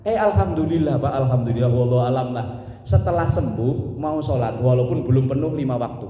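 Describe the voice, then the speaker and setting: Man, middle-aged, humorous mosque sermon, storytelling with loud bursts, mellow tone, echoey hall. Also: medium pitch, brisk. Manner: jokey storytelling with sudden loud bursts and mimicked voices. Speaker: preacher.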